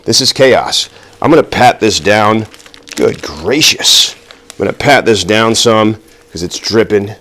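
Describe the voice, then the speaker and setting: A middle-aged man with a very deep, low voice talks his way through a cooking vlog. He rambles nervously, makes fun of himself and fills gaps with ums and uhs. Now and then he sounds a little out of breath from the work. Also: expressive, measured pace, bright, forceful tone. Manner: nervous, self-deprecating, rambling with fillers. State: out of breath at times. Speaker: cooking video host. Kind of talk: casual cooking vlog, talking while working.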